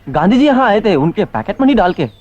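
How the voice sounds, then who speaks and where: A man playing a village interpreter who flatly relays what others say. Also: high voice, moderate pace, muffled recording. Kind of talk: film comedy acting.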